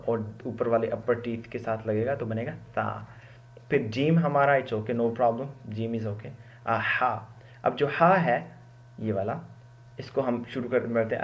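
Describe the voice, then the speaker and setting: Guy from pakistan teaching quran letter sounds, repeats each one, mixes english words in, kinda dull lo-fi audio. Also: mid-range voice. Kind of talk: spoken lesson on Arabic letter pronunciation.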